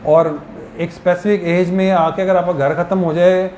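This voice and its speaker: A man's voice: high-pitched, fairly even intonation, normal speed, a little mellow. Man lecturing in an echoey hall. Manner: explanatory, uses worked examples. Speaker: law lecturer. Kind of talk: classroom lecture. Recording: echoey hall with background hiss.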